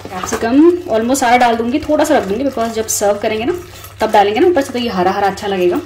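Her voice is fairly high and a little mellow, moving at a quick pace. This Indian-accented home cooking host in her thirties gives a casual voice-over mixed with English words, accompanied by clear kitchen sizzling.

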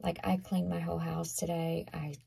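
A hoarse woman with a Southern US accent gives a casual tarot reading, chatty and emphatic, often repeating herself. Her voice is gravelly and very husky, with a dark, mellow tone. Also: on the low side, level tone, moderate pace. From Southern United States. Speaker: tarot reader.

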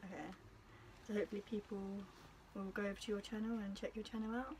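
A woman's voice: mid-range voice, fairly even intonation, fast, darkish tone, a little hiss or hum, poor audio. A young British woman hosting a challenge video, chatting casually and giggly with friends in front of a camera. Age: young adult. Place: small domestic room, indoors.

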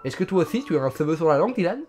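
A man's voice: fairly high pitch, sing-song, very fast, a little mellow, soft background music. A man streaming a video game, joking casually with his chat and reading it aloud. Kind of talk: casual gameplay commentary.

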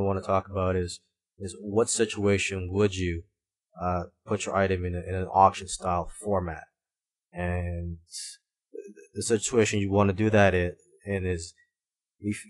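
A man with a low-pitched voice explains things as a tutorial instructor. He speaks haltingly, often doubling back to repeat a word or restart a phrase. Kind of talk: screencast tutorial narration, explanatory. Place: voice-over recorded for a screen recording.

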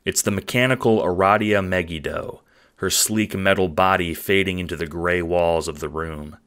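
Male narrator with a very low voice for second-person audio drama narration. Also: normal speed, a bit bright. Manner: descriptive storytelling.

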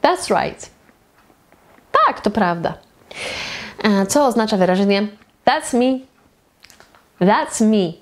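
A woman from Poland leads an English pronunciation lesson, stretching each phrase out slowly so every sound can be heard. Her pitch sits in a middle range, and she speaks at a very unhurried pace. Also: lively intonation. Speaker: English teacher.

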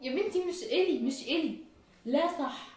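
High-pitched Egyptian woman in an echoey room. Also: expressive, fairly quick, a little mellow, recorded from a distance. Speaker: partner giving words in a guessing challenge. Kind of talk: casual game chat, prompting word by word.

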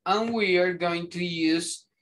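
A man teaching an English class, explaining slowly and rambling with many fillers and restarts. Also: high-pitched, fairly bright tone.

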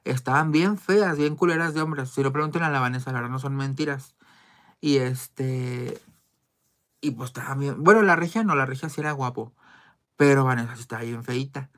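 A woman's voice: a bass voice, normal speed. Chatty woman telling gossip. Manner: chatty, candid, crude slang, many fillers. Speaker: vlogger. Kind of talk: casual gossip storytelling.

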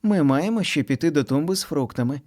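Storybook mother cat, stern and firm, raised pitch; man performing. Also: animated, quick pace, a little mellow. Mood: firm scolding. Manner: firm, scolding. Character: stern mother cat scolding her kitten.

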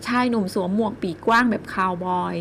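A woman narrating a romance novel audiobook in a slow, even storytelling voice. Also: mid-range voice, slight background noise. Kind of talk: scripted narration.

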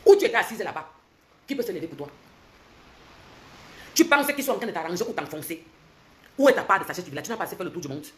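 A social media commentator in her forties, speaking with a Cameroonian French accent, rants fast and confrontationally on a livestream from a bright indoor room, holding her phone close. She lurches between loud mockery and low, intense lecturing, and her pitch swings widely.

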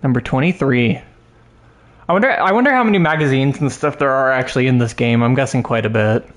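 A man's voice: medium pitch, expressive, fairly quick. Male streamer, everyday mid voice, rambling casual play-along commentary. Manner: chatty, rambling, swears at the game. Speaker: streamer playing a game.

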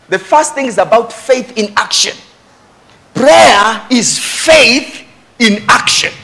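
On a church stage before a congregation, a middle-aged Kenyan pastor delivers an animated sermon with Swahili asides, speaking with a Kenyan accent into a handheld microphone. His high-pitched voice is creaky, pushed and bright, and he emphatically repeats key phrases to drive them home.

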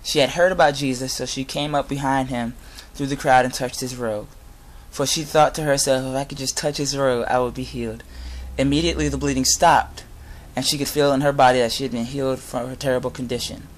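A young adult man giving an informal sermon with Bible readings, speaking earnestly and a little haltingly. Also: mid-range voice, steady tone, rough recording. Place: inside a garage. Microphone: device camera at close range.

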